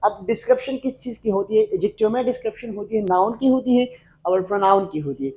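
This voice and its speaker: A man teaching an English grammar lesson in mixed Hindi and English, explaining slowly and repeating his points with frequent fillers. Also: sits high, dark tone, husky.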